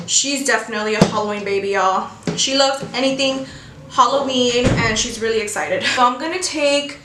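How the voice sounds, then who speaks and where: A young American woman giving a casual, chatty makeup tutorial with informal, slangy talk while chewing gum. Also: on the high side. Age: young adult. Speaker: beauty vlogger. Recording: roomy echo, faint background noise.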